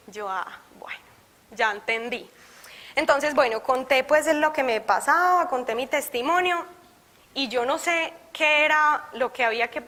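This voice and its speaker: Woman sharing a church testimony, high and bright voice, animated storyteller who acts out her own thoughts. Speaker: church member giving a testimony. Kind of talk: personal testimony to a group.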